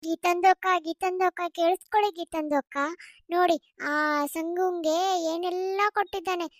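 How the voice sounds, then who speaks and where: A woman with a North Karnataka accent voicing a nosy village friend who keeps urgently pleading and hushing. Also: extremely high pitch, flat delivery, moderate pace, no room sound, clean studio sound. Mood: hushed urging. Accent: North Karnataka Kannada. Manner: pleading, hushed urging.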